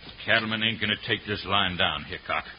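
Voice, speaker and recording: A man's voice: lowish voice, fast talker, lightly acted. An actor playing a surly cattleman villain with a snarling, menacing drawl in an old radio western. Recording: muffled old radio recording with hiss.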